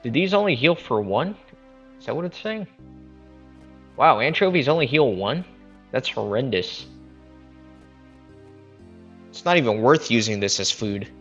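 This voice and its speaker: A man's voice: medium pitch, expressive, a little slow, pauses often, fairly bright tone, soft background music. A man streaming a game, chatting casually and thinking aloud, his voice muffled as if talking into a cup through a cheap headset mic. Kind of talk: casual live commentary while playing.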